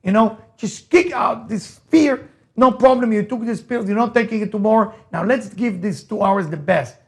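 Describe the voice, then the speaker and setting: His voice high-pitched and gravelly, at a normal speed, a rabbi lectures with emphatic motivation. A native Hebrew speaker with an Israeli accent, he is also a motivational speaker and teacher who keeps repeating key phrases and asking rhetorical questions.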